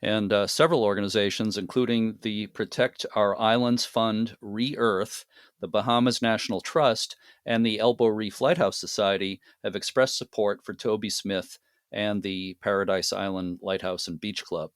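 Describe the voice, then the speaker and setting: Low-voiced man hosting a podcast. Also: normal speed, no room sound, clean studio sound. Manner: friendly, relaxed interviewer with fillers. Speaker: podcast host. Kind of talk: remote podcast interview.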